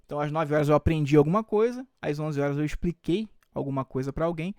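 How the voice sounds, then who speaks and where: A Brazilian Portuguese teacher, a man, walks his students through exam questions one step at a time. He keeps checking in with them as he goes. His voice sits a touch high and sounds dry and close to the mic. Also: fast, darkish tone, clean tone, no echo. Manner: explains step by step with frequent check-ins like "tá?" and "tudo bem?". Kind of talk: exam-prep video lesson.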